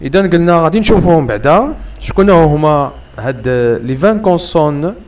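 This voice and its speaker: A man with a Moroccan accent teaching French letters, repeating each word slowly and spelling it out syllable by syllable. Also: fairly high pitch, lively intonation, darkish tone. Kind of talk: slow classroom lesson.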